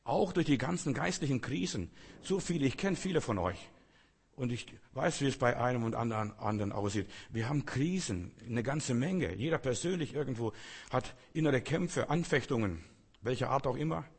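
A man's voice: medium pitch, lively intonation, normal speed, creaky, breathy edge. A man preaching a sermon, speaking emphatically with repeated phrases and rhetorical questions addressed straight to his listeners.

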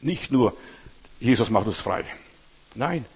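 Emphatic preacher in a reverberant hall. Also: male voice, medium pitch, expressive, takes it slowly, gravelly, darkish tone, husky. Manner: emphatic, repeats phrases for stress; addresses listeners directly. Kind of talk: sermon.

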